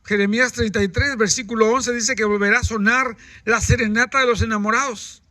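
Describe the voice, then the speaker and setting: Pastor preaching, very high bright voice, asks the congregation questions, dry sound. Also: male voice, fairly even intonation, brisk, no room sound. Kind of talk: sermon.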